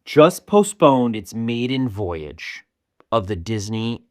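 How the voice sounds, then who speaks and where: A man's voice: medium pitch, very animated, takes it slowly, dry recording. A young man co-hosting a casual podcast, rambling with restarts and casual swearing. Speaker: podcast co-host. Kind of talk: casual chat.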